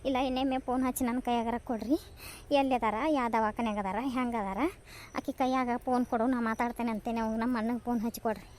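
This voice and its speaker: A woman's voice: on the high side, steady tone, fast, darkish tone, close to an everyday voice. A woman with a North Karnataka Kannada accent voicing an anxious young village daughter-in-law who keeps pleading with her mother-in-law in a cartoon. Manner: pleading, repetitive.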